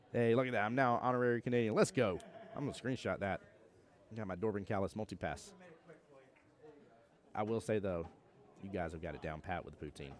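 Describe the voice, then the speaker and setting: A man's voice: fairly low pitch, normal speed, pauses often. A young man from Georgia with a Southern accent, commentating a pool tournament on a live stream and chatting with viewers in a joking, laid-back way. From Georgia, USA. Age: young adult.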